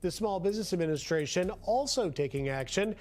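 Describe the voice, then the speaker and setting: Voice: medium pitch, lively intonation, fairly quick, a little mellow. A news reporter reading a scripted broadcast segment.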